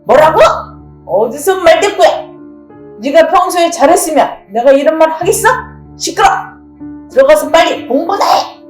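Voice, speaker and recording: A woman voicing an angry mother who shouts and scolds her teenage daughter, heard with a roomy echo and faint music. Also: high voice, animated, normal speed, voice pushed up. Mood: angry scolding.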